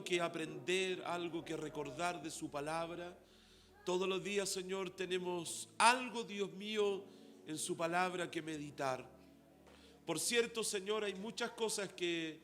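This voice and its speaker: A man's voice: sits high, sharp tone. A pastor with a Chilean Spanish accent leading an earnest spoken prayer, repeating "Lord" between his phrases.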